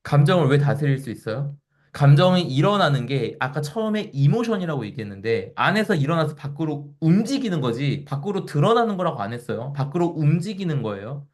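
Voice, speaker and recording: Lively middle-pitched man giving a lecture. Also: brisk. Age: 40s. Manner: asks the audience questions, acts out quoted voices. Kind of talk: lecture to a live audience.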